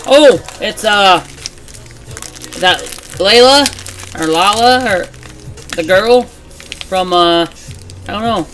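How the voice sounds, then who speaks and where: A woman's voice: mid-range voice, very slow, long pauses, fairly bright tone, faint music behind, rough recording. A woman hosting a casual toy unboxing, chatty and narrating each find while she has the hiccups. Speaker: channel host.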